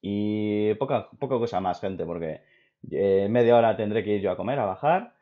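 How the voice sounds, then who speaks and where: A man's voice: on the low side, moderate pace. Rambling young man with a Spain Spanish accent. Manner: excitable, rambling, many restarts. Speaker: video host. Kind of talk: casual opinion chat with a friend. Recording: dull lo-fi recording.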